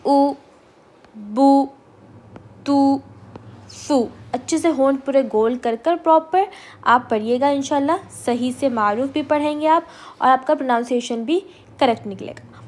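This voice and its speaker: A woman teaching an online Quran recitation lesson. She explains pronunciation with English words mixed in, then drills syllables slowly and clearly. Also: high-pitched. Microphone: video call or home recording.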